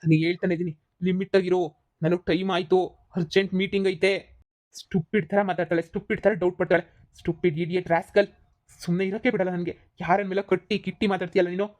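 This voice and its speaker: A woman voicing a short-tempered middle-aged husband, scolding rapidly in a cartoon comedy. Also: on the low side, flat delivery, a little mellow, close to an everyday voice. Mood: angry. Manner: scolding, rapid, repeats insults.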